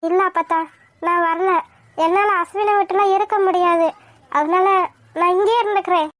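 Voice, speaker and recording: A woman voicing a young pregnant wife in a cartoon, speaking in a gentle but firm, earnest way. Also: very high-pitched, normal speed, dry recording. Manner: earnest, calmly insistent. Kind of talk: cartoon voice acting.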